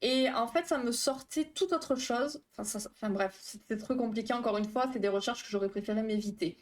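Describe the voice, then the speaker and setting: A woman's voice: fairly high pitch, fairly quick. A woman therapist hosting a live stream, explaining phobias in a chatty, casual way with many fillers and asides to her chat.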